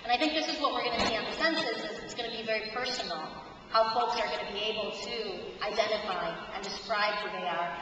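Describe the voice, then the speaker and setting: Woman, panelist, rambling thoughtful answer, bright voice, distant echoey hall, dull camcorder sound. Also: medium pitch, fast, a little hiss or hum. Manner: thoughtful, rambling with many restarts. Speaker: conference panelist. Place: conference panel room. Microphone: camcorder from the audience.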